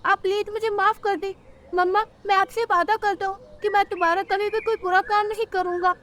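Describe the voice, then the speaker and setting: A woman's voice: very high-pitched, level tone, moderate pace, fairly bright tone, slight background noise, pitched above the performer's own voice. A woman voicing a brash, bullying young male crow in a cartoon who talks rudely and boastfully. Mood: pleading. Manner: rude and boastful.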